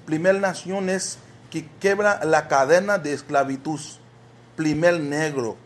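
A Haitian man, interviewed for a news report, speaking halting, broken Spanish with a Haitian accent and repeating himself. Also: on the high side. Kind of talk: street interview. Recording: background noise.

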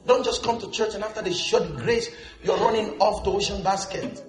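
A male pastor delivers a lively, joking sermon, often turning to the congregation with questions. His voice sits high for a man. The sound is roomy and echoey, with music playing underneath. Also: brisk. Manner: animated preaching with humor and call-and-response questions. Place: church.

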